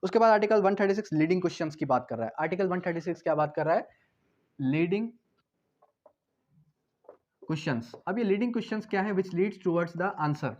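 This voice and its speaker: Reading out legal articles and paraphrasing them in both Hindi and English, a man delivers a didactic law lecture full of repeated points and rhetorical questions. His high, animated voice has a darkish tone and moves fairly quickly, broken up by long pauses. It's captured in dull, lo-fi audio.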